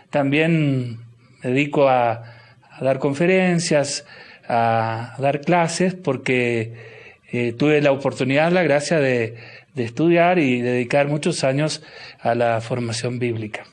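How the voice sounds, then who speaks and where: Argentine bishop, slow and thoughtful. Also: male voice, mid-range voice, darkish tone. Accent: Argentine Spanish. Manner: slow, thoughtful, with frequent restarts and fillers. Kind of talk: interview guest.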